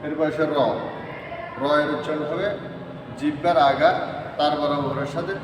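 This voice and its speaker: A man teaches the pronunciation of Quran letters step by step, repeating each letter three times. His voice is slightly high with fairly even intonation at a moderate pace, and he is recorded from a distance in an echoey hall amid a noisy background.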